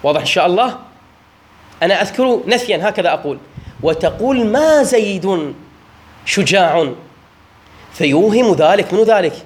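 High-voiced Iraqi man teaching grammar. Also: lively intonation. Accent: Iraqi Arabic. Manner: explanatory, repeats and checks understanding often; drawn-out stresses on example words. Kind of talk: classroom grammar lesson.

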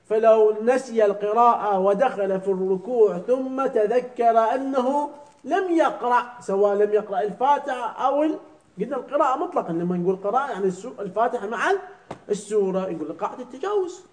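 A man teaching a religious jurisprudence lesson, often stopping to ask his students whether it is clear and to quiz them. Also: very high-pitched, lively intonation, brisk, a little mellow, rough recording. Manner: keeps asking students "clear?" and quizzing them.

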